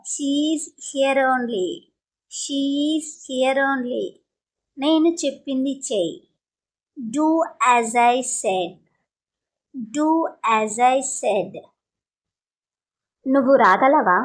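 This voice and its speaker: Slow, high-voiced woman drilling phrases. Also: poor audio. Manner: says each English phrase twice, slowly and deliberately. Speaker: English teacher.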